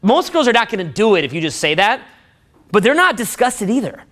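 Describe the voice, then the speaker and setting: A man's voice: high voice, big pitch swings, a little fast, fairly bright tone. A man giving a profane, boastful talk to a room of men about dating, often laughing at his own stories.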